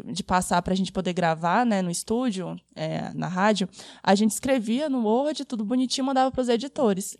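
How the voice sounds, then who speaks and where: A young Brazilian woman journalist talks quickly, with a Brazilian Portuguese accent, in a dry, close-sounding recording. She is a podcast guest, chatty and loose with slangy asides. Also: fairly high pitch, darkish tone, no room sound. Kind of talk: casual podcast interview.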